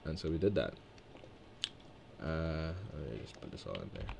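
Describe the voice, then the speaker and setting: A man's voice: very deep voice, sing-song, normal speed, creaky, heavy background noise. A man in his twenties from Trinidad and Tobago giving casual gameplay commentary, rambling and thinking aloud between chatty stories about himself. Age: 20s. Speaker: let's-play gamer.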